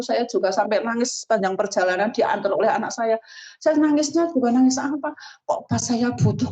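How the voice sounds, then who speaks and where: An older woman with a Javanese accent preaches to colleagues at a school gathering. Her voice sits at a middle pitch and jumps up on the words she stresses. The sound is dull and lo-fi. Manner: mixes in Javanese phrases, animated pitch on key words. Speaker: religious study speaker. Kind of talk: sermon. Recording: dull lo-fi recording.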